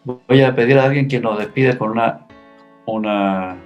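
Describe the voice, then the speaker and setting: A man's voice: medium pitch, normal speed, dull audio, soft background music. A man, a pastor teaching a Bible study class, telling the story vividly as he imagines the scenes.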